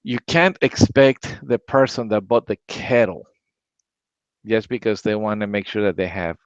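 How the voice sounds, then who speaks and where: Casual tech-podcast host, Latin American man, rambling and low-pitched, dull lo-fi sound. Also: normal speed, clean tone, no room sound. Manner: rambling, repeats words, many "right?" tags. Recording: dry, dull lo-fi audio.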